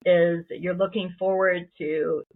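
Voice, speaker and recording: Woman, podcast host, encouraging interviewer, lowish voice, thin phone-line sound. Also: fairly even intonation, slow pace. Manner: affirming and encouraging. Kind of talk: casual interview.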